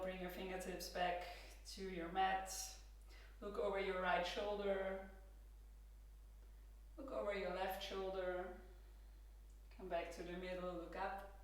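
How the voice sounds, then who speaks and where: A yoga instructor whose first language is German leads a guided class with a slow, gentle Austrian accent at medium pitch. Her cueing is calm and soft, with gentle laughs, recorded from across the room with a distant mic and roomy echo.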